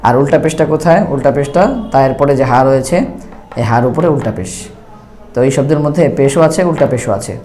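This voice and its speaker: A man teaching Quran reading, spelling out syllables slowly and then explaining briskly. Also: medium pitch, warm tone, faint music behind. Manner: drawn-out syllable-by-syllable recitation; brisk explaining between drills. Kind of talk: slow spelled-out reading lesson.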